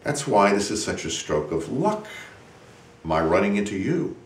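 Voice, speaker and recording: Roomy distant recording, an actor as menacing fugitive male scientist, theatrical swooping pitch, imperious, brooding, stage monologue. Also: very animated, slight background noise. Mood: confiding, aggrieved. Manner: imperious, brooding, emphatic, with dramatic pauses. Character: desperate, menacing male scientist turned invisible, exhausted fugitive.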